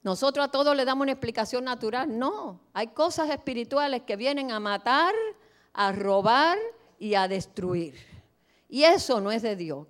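A middle-aged woman pastor preaching a sermon in a church, emphatic, moving between soft asides and loud declarations. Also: high voice.

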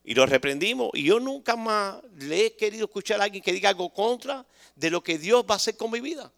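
A man's voice: high-pitched, animated, brisk, gravelly, a bit bright, dry recording, clean studio sound. A man giving a spoken religious testimony to a church, emphatic and acting out the dialogue he recalls in shifting voices.

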